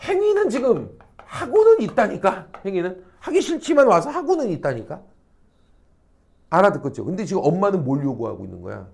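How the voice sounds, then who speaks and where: A middle-aged man teaching high school social studies, lecturing in a lively way, acting out quoted people and checking in often with rhetorical questions. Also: fairly quick, gravelly, breathy edge. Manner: animated, acts out quoted people, frequent rhetorical check-ins, salty slang. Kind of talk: classroom lecture. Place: academy classroom.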